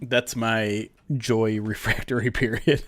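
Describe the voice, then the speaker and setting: A man's voice: lowish voice, flat delivery, slow, fairly bright tone. A man co-hosting a casual sports podcast, talking bluntly and with emphasis. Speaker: podcast co-host.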